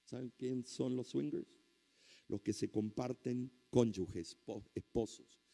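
A male pastor preaches by telling a lively story. He talks slowly and deliberately, but bursts into exclamations and sound effects, then drops low again. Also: creaky. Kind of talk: storytelling sermon.

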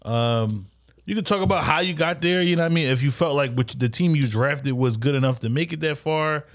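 A man's voice: a little high, fairly quick. Easygoing teasing man. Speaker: podcast co-host. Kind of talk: casual chat among friends.

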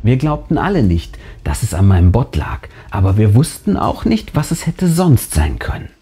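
Warm and slightly rough, this man's medium-pitched voice is very animated as he reads, at a moderate pace, a first-person horror script full of drama and suspense. He is the narrator and channel host, backed by music.

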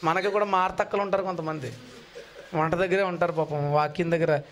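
A man preaching a sermon, retelling Bible stories in an animated way and acting out the voices he quotes. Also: a little high, a little fast. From India.

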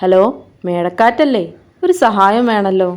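A woman voicing a kindly moon uncle who speaks with affection and gentle teasing, in a read-aloud storybook. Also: medium pitch, animated, unhurried, lightly acted. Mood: affectionate.

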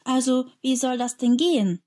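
A woman's voice: high-pitched, moderate pace, dark tone, voice pushed up, close to an everyday voice. A woman voicing a sulky, mocking boy who grumbles and teases in a children's story. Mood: annoyed. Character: older boy, mocking bully, sulky and gruff.

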